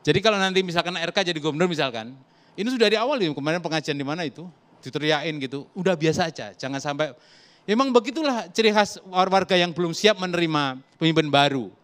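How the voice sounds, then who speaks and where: Fast-talking, emphatic male commentator. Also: fairly high pitch. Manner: emphatic, lively argumentative. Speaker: political commentator guest. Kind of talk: talk show political debate.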